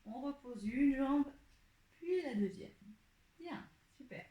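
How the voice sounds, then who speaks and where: A woman teaching a pilates class, calmly cueing each breath and movement step by step. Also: high voice, takes it slowly. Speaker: pilates instructor. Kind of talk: guiding an exercise class. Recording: echoey room.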